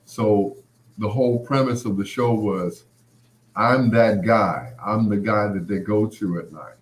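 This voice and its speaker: The late-night host talks unhurriedly in a voice on the low side. His conversational, rambling monologue strings together anecdotes and quoted exchanges, and the sound is roomy and echoing.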